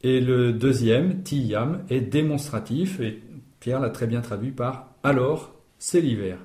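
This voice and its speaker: A man's voice: mid-range voice, takes it slowly, dark tone, reverberant. A man teaching a language lesson, explaining grammar patiently step by step. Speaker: Esperanto teacher.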